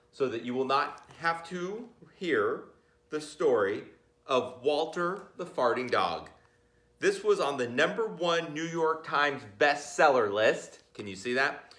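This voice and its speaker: Medium in pitch and a little bright, this man's voice reads a children's picture book aloud. He's a playful storyteller who speaks straight to his listeners and drops in chatty asides. The sound is echoey and roomy.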